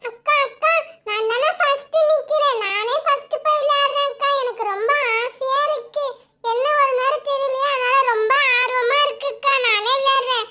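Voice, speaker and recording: A woman voicing an excitable, whiny little girl doll who complains loudly. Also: very high voice, moderate pace. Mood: eager. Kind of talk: doll-play voice acting.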